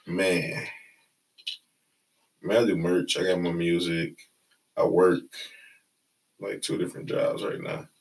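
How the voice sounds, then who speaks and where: A man's voice: sits low, flat delivery, slow pace, gravelly, long pauses, distant mic, low-quality recording. A young man with a Detroit accent in casual conversation as a recording artist, talking in cocky, slangy hype with lots of "bro". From Detroit, United States. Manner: cocky, slangy hype talk peppered with "bro" and "you feel me". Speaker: recording artist being interviewed. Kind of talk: casual chat.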